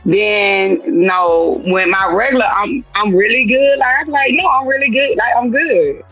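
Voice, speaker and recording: A woman's voice: mid-range voice, unhurried, fairly bright tone, husky, no echo. A woman co-hosting a casual podcast chat, playful and sarcastic, acting out the different ways she says her lines. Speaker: podcast co-host. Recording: dull lo-fi sound with faint music.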